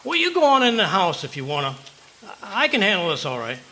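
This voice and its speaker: Putting on a full character voice, a man plays a blustery American husband from old-time radio comedy, high and bright with huge pitch swings. Flustered and a little fast, he swoops through folksy wisecracks and tall tales.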